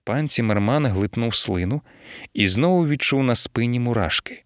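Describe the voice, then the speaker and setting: A man reads an audiobook, telling the story in a measured yet expressive way. His voice sits in the mid-range, and the recording is studio quality without echo.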